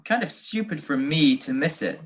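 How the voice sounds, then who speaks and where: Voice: medium pitch, expressive, moderate pace, close to an everyday voice. A performer playing Nick Charles's part as a wry, unflappable male detective, teasing and sarcastic, in an old-style radio mystery. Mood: mock puzzled. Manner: dry, teasing, sarcastic wit. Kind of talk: 1940s detective radio play acting. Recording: video call recording.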